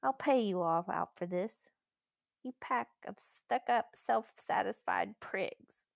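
A woman's voice: medium pitch, lively intonation, normal speed, no room sound, studio quality, lightly acted. A woman doing a sulky, spiteful boy. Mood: spiteful muttering. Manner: sullen, resentful.

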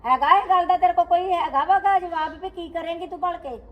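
An actress playing a middle-aged sister-in-law who scolds with indignant rhetorical questions, speaking Punjabi-accented. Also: female voice, very high-pitched, brisk, dull audio. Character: sister-in-law defending her household, middle-aged woman. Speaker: actor in a family drama. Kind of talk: scripted short film acting.

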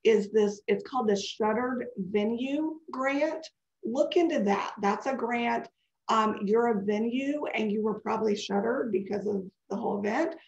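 Presenting a webinar live on a webcam call, this woman in her forties wanders chattily between topics as she answers questions. She speaks a little slowly at a fairly high pitch, her voice creaky, congested and scratchy. Sound quality is dull and echoey.

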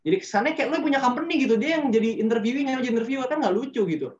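A man's voice: very high voice, lively intonation, very fast. A man giving casual, slangy advice on a webinar. He acts out sample answers as he talks. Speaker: webinar speaker. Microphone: video call. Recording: dull lo-fi call audio.

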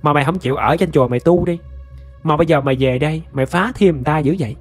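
A man's voice: fairly high pitch, very fast, faint music behind, lightly acted. A man voicing a stern, threatening old woman exorcist in a spoken ghost story, speaking harshly and commandingly.

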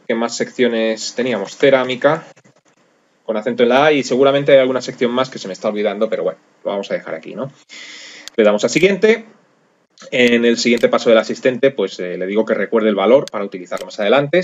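Relaxed man explaining software. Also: mid-range voice, lo-fi sound. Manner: relaxed, step-by-step explaining with frequent fillers. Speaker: software course instructor. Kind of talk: screencast tutorial narration.

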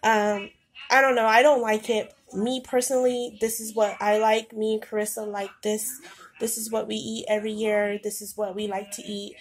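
This mid-range female voice is flat and moderately paced, with a bit of hiss or hum in the background. Congested with a cold, the vlogger mom of a daughter chats loosely at home about her grocery haul, filling gaps with ums as her phone films the food.

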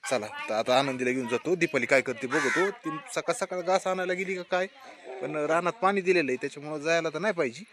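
A man's voice: on the high side, quick pace, a crowd in the background. A young man chatting casually in a family vlog, talking to his children and wife as he walks around outdoors. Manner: chatty, talks to baby and family while walking around. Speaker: vlogger. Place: outdoors around a rural home and farm.

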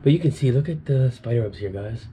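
A man's voice: medium pitch, lively intonation, fast, dark tone, a little hiss or hum. A man in his thirties filming a casual walkthrough vlog of an abandoned house, musing aloud to his viewers. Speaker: urban explorer vlogger. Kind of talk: handheld exploration vlog. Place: abandoned fire-damaged house, indoors. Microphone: handheld camera.

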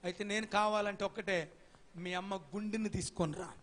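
A man's voice: high voice, steady tone, moderate pace, a bit bright. A man doing a scheming young wife. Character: scheming young wife turning a son against his mother.

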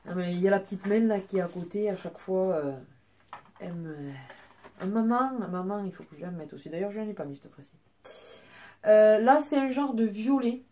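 A woman's voice: medium pitch, a little fast, dark tone. A young woman at home, casually showing her nail polish collection in a chatty way, full of fillers and restarts. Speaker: beauty vlogger. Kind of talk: casual product show-and-tell.

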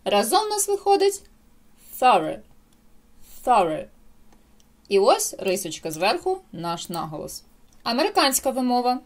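A woman's voice: fairly high pitch, a little fast. A woman teaching English pronunciation in a video lesson, explaining each sound to her viewers. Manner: lively, explanatory, addresses viewers directly.

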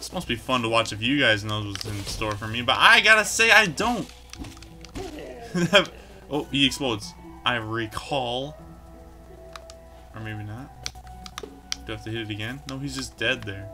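A man's voice: medium pitch, unhurried, long pauses, sharp tone. A man hosting a casual let's play, commenting on his game in a goofy, jokey, self-mocking way at a desk microphone. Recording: game music playing underneath.

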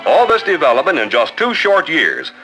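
A man giving brisk, upbeat 1950s newsreel narration. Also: a little high, huge pitch swings, pushed and bright, faint music behind, poor audio.

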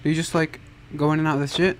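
A young game streamer races through casual let's play commentary, flustered and exasperated and swearing often. His voice is fairly high with a level tone, and there's background noise.

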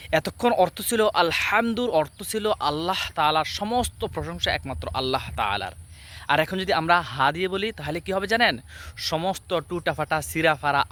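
Earnest bright-voiced male preacher. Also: fairly high pitch. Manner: earnest, emphatic, addresses viewers directly; repeats Arabic words slowly to teach pronunciation. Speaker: religious speaker. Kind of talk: Islamic sermon video.

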